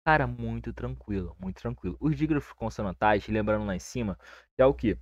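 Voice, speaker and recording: A man's voice: on the low side, brisk, no echo. Brazilian guy explaining grammar, chill and reassuring, dry dull lo-fi sound. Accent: Brazilian Portuguese. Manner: relaxed and reassuring, checks in with listeners constantly. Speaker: teacher. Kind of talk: casual grammar lesson.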